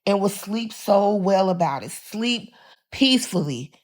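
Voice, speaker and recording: A woman's voice: medium pitch, lively intonation, a little slow. A woman ranting defiantly to camera, swearing often and making threats. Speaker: social media poster. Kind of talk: angry rant to camera.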